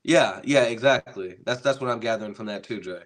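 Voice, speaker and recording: A man's voice: on the low side, brisk. A young man hosting a casual commentary stream, reading fan-written character entries aloud and stumbling over long invented words, then thinking aloud about them. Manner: reads quoted text, then adds his own remarks. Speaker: host.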